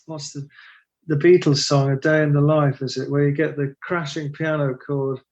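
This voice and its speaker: A middle-aged man talking in an interview as a guest, animated and emotional, laughing often and poking fun at himself. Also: fairly high pitch, normal speed, highs cut off. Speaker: guest, translator and stage performer. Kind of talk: conversational interview.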